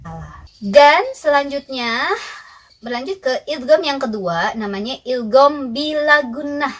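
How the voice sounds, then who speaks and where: Young woman, recitation teacher, somewhat high voice, breathy. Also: expressive, unhurried, rough recording. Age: young adult. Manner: patient, explains step by step, often asks and answers her own questions. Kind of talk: recorded tajwid lesson.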